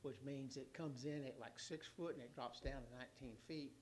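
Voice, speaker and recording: There's a faint hum beneath this hoarse man, a city official presenting a utility report to the council. He restarts often and leans on fillers in a halting, rambling way, his middle-register voice keeping a fairly even intonation at medium pitch.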